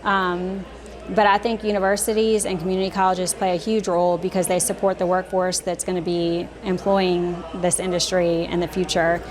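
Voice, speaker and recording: A woman leading a startup program, giving interview answers in a steady way with frequent ums. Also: on the low side, normal speed. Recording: crowd chatter behind. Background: crowd.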